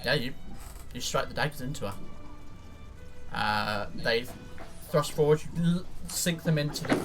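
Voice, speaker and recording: A man acting as game master, narrating and refereeing a tabletop roleplaying game in a halting way, rephrasing as he goes. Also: medium pitch, animated, a bit bright, soft background music. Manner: halting, often rephrasing mid-sentence.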